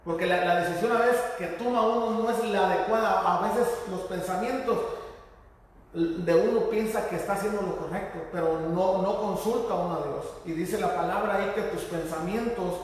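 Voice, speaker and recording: A man preaching a sermon. He speaks haltingly, repeats words, and tells the story with feeling. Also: high-pitched. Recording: echoey hall from far off.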